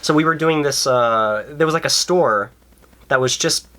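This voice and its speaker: A man's voice: on the high side, moderate pace, sharp tone. A young man co-hosting a casual podcast, telling a story in a rambling way, packed with fillers and self-mocking asides. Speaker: podcast co-host. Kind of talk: casual chat.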